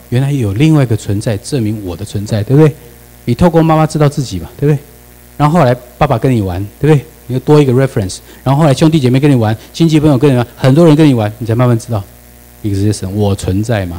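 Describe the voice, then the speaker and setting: A man with a medium-pitched, mellow voice lectures a class in Taiwanese-accented Mandarin, recorded with poor audio quality. He fires rhetorical questions at the room and slips English words into his speech.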